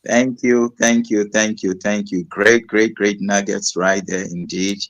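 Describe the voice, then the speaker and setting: Low-voiced effusive male moderator. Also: fairly even intonation, unhurried, a bit bright. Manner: effusive, repeats thanks. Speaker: panel moderator. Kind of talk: livestream panel hosting.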